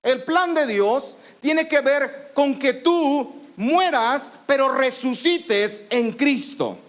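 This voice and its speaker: A man's voice: very high-pitched, slow pace, a bit bright. A man, a pastor preaching a sermon in church, explaining scripture and repeating phrases for emphasis. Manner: teaching, explains scripture, repeats phrases, calls out commands with authority.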